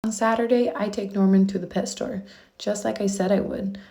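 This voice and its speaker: A woman narrates a picture book for young children in an expressive read-aloud style. Her voice sits at a middle pitch with a noticeable creak, and she stretches important words for emphasis. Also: normal speed.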